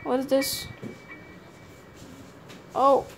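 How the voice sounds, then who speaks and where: A woman with a high voice plays as a scared horror game streamer. She comments casually at a slow pace, jumpy and prone to exclaiming and swearing. The recording has clear background noise. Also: monotone. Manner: freely swearing. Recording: clearly noisy home gameplay recording.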